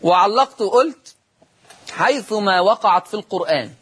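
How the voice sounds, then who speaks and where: Husky Egyptian man teaching recitation. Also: high-pitched, lively intonation, fairly bright tone. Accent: Egyptian Arabic. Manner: repeats words slowly for drilling, asks the class rhetorical questions. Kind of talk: televised recitation lesson. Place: TV studio.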